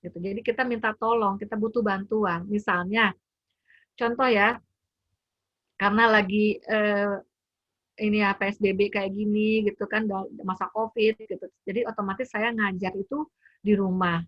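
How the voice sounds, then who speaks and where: A woman who is a parent gives an informal webinar talk from home over a video call's computer mic, chatting with lots of fillers and acting out quotes from parent and child. Her voice is mid-range with fairly even intonation and a moderate pace; the audio has no echo but sounds dull.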